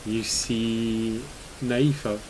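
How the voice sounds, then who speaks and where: A man's voice: on the low side, fairly even intonation, extremely slow, a little mellow, poor audio. A man narrating a tabletop game as game master, chatty, with fillers and laughs. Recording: faint hiss in the background.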